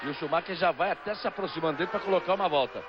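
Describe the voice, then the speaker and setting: Over loud racing cars and trackside noise, a man with a Brazilian accent commentates a live motorsport race in a slightly high, very fast voice. The recording is a dull, lo-fi broadcast dominated by engine noise.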